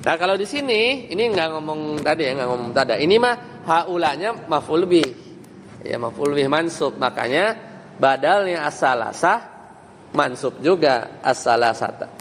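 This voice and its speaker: A male teacher runs a grammar lesson, firing short questions at his students. His voice sits a little high for a man, and it rings in a hall with a long tail. A faint hum of ambient noise sits under him. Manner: questioning, quizzing students with quick prompts. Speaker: Islamic teacher. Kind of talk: classroom lesson on Arabic grammar.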